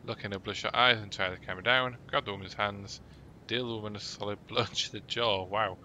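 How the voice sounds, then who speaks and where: Gamer man narrating his run, low-pitched, over constant hum. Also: fairly even intonation, a little fast, bright, forceful tone. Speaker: gaming YouTuber. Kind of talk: let's play, reading game text aloud.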